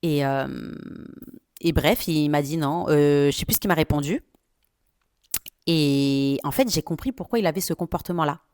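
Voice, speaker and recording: A woman in her thirties hosting a personal storytelling podcast, chatty and confiding, often pausing with hesitations. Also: low voice, darkish tone, no room sound. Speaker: podcast host.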